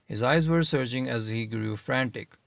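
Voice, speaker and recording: A man narrating an audiobook in a steady, measured reading. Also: mid-range voice, vocal fry, no room sound.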